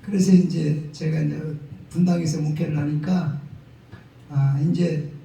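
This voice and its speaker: Shouting folksy pastor in echoey hall. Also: male voice, fairly high pitch, steady tone, a little slow, creaky. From Jeolla, South Korea. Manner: folksy, humorous, swings into loud shouting bursts. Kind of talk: sermon. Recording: echoey hall, distant mic, faint noise.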